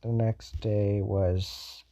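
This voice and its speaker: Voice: low-pitched, flat delivery, drawn-out words, mellow. A fan storyteller improvising a what-if story, rambling with many fillers and self-corrections.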